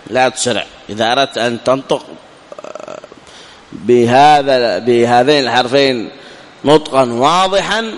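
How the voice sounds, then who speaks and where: A man teaching Quranic recitation rules, who asks and answers his own questions and slows right down to recite the example words. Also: mid-range voice, in a large hall. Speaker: tajweed teacher. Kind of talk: recorded lesson explaining a poem.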